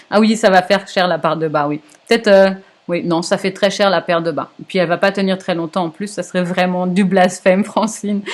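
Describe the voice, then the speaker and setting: A middle-aged woman, hosting a yarn shop's live stream in a chatty way, full of hesitations and self-corrections while she answers viewer comments. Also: medium pitch. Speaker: yarn shop host.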